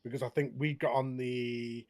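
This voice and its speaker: A man's voice: medium pitch, little pitch movement, normal speed, a little mellow. Easygoing man touring a game park. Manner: easygoing, rambling with fillers and tag questions. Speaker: co-host of a park tour. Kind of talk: casual gaming chat. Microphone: headset.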